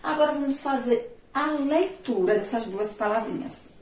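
A woman teacher with a Sergipe Brazilian accent, giving a remote lesson, stretching syllables slowly and praising her pupils' answers. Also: on the high side, background noise. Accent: Sergipe Brazilian Portuguese. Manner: slow, drawn-out syllables, asks pupils questions and praises answers. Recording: echoey room, voice far from mic.

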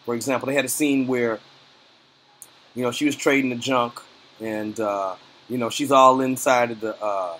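A man giving a casual, rambling spoken movie review, full of fillers, his voice often trailing off quietly at the ends of phrases. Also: mid-range voice, slight background noise. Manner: rambling, loose and conversational, lots of fillers.

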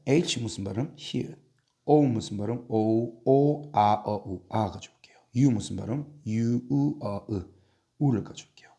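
A man's voice: on the low side, gravelly, warm tone. A man teaching English spelling in a classroom drill, spelling out letters one by one and asking and answering his own questions.

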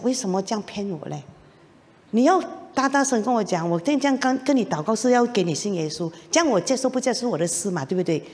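A middle-aged woman gives her personal testimony to a church congregation, telling it in an animated way and acting out the lines of the people in her story. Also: mid-range voice. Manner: animated storytelling with laughs and acted-out quotes. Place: church hall. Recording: long reverb of a church hall.

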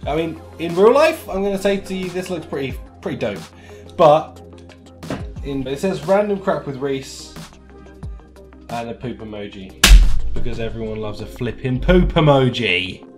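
A man in his thirties reviews novelty products to camera from a small room at home, chatting in a joking, rambling, mock-dramatic way. His medium-pitched voice is expressive and at normal speed, heard over music.

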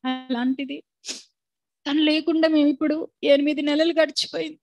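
High, earnest woman giving a tearful testimony. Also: steady tone, normal speed, a little mellow, no room sound, faint music behind. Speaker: widow giving a church testimony. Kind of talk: emotional spoken testimony.

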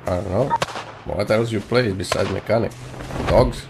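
Gravelly deep-voiced gamer teasing his teammate. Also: normal speed. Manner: teasing, calls people bro. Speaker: mobile game streamer. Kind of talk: casual teasing voice chat while gaming. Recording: noisy game audio behind voice chat. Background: gunfire from the game.

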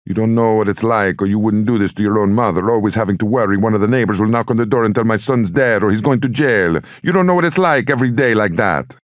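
A man voicing a distraught, melodramatic middle-aged mother who wails and pleads in a high, strained voice. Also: fast talker, hardly any pauses, no echo, studio quality, lightly acted. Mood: wailing despair.

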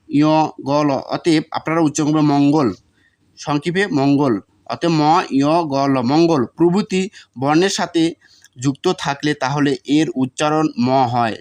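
Man reading exam notes, slightly high voice. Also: a little mellow. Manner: reads lists of examples, repeating words to model pronunciation. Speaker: teacher.

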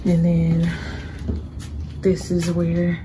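Her lowish voice is completely flat and extremely slow, and there's noise in the background. This vlogger, a woman in her thirties, chats casually through a tour of an empty house and its basement, filming on a handheld phone and calling viewers "guys" and "y'all" with relief.

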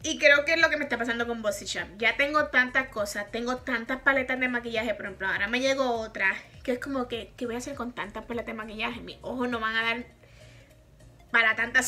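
This Puerto Rican makeup vlogger in her thirties talks fast, with a fairly high, bright, forceful voice. Filming a casual product review in her small bedroom, she's frank and laughs often, with a Puerto Rican Spanish accent.

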